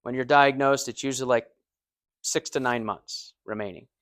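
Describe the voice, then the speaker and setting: An American man gives a conversational anatomy and physiology lecture, using everyday comparisons and checking in with his students. His mid-range voice is steady, clear, resonant and slightly bright, delivered at a moderate pace. The recorded lecture sounds dry.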